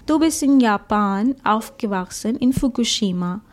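Woman interviewer, slightly higher voice, unhurried, attentive. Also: animated. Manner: slow, attentive, encouraging. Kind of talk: interview questions.

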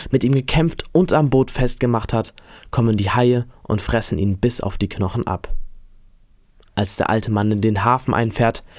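A man reads a novel aloud in a calm, steady way. His voice is of average pitch. The sound is dry and close, with no room echo. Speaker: reader.

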